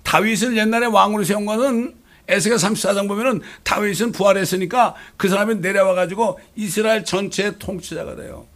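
A man's voice: sits high, fairly quick, fairly bright tone. A middle-aged man preaching a sermon, asking the congregation rhetorical questions and pressing his points with emphasis. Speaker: pastor.

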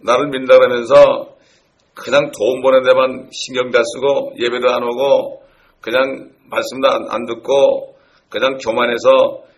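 A man's voice: mid-range voice, little pitch movement, normal speed, lightly acted. A man voicing God as a stern, commanding male figure in a conversational sermon retelling.

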